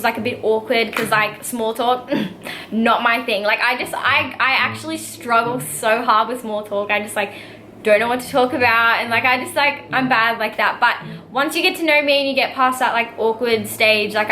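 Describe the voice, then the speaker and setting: At a normal speed, the same style of casual to-camera Q&A comes from a nineteen-year-old Australian vlogger, giggly and bubbly and full of "like" and fillers. Her slightly high voice is bright, steady, and forceful, with a little hiss or hum in the recording.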